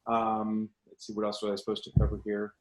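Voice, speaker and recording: A man organizing events, making brisk, informal announcements on a video call and thinking aloud about what he still needs to cover. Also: fairly low pitch, completely flat delivery, a little mellow.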